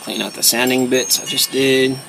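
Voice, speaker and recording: A man casually talking through a hands-on demonstration step by step, in terse, short phrases with pauses between them. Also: medium pitch, fairly even intonation, vocal fry, noisy background. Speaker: host of a pipe hobby video series.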